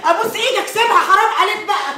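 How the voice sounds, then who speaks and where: A woman's voice: extremely high pitch, rapid-fire, noisy background. An actress playing an Egyptian woman relative who pleads with her brother and wails for help. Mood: pleading. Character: older woman relative, sister of the father, fretful. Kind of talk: TV drama acting. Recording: drama audio with score and crowd.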